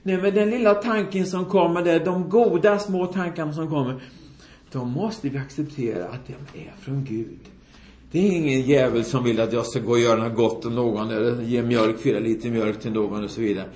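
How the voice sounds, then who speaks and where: A man's voice: medium pitch, a little hiss or hum. Swedish preacher man in an echoey hall. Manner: animated storytelling, acts out quoted voices. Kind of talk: sermon with storytelling. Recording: echoey room.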